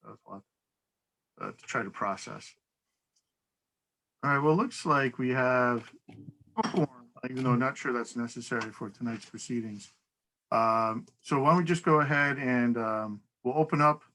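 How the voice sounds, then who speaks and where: A man's voice: mid-range voice, moderate pace, bright, forceful tone, poor audio. A man chairing a town council public hearing over a video call, talking in an easygoing, procedural way with the odd light laugh.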